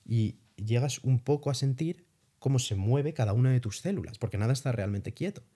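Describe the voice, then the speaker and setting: A young Spaniard recounts his trips for a casual interview in a brisk, mid-range voice with a breathy edge. He tells his stories with animation and throws in light swearing.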